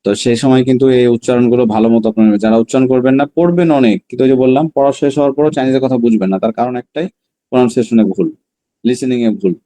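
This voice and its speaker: A man with a dark, mellow voice leads a language class. He sounds out each word slowly and repeats it several times. Between drills he breaks into fast explanations. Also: medium pitch. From Bangladesh. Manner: drills words slowly, then explains in quick bursts. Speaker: Chinese language teacher. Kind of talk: online class lesson.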